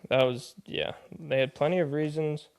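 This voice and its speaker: A man's voice: a little high, fairly even intonation, normal speed, gravelly, a little mellow. A man hosting a podcast, reading aloud from a text and explaining it in a casual, conversational way, often paraphrasing loosely. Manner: plain-spoken, conversational, paraphrases with "hey" and "they're like". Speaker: podcast host.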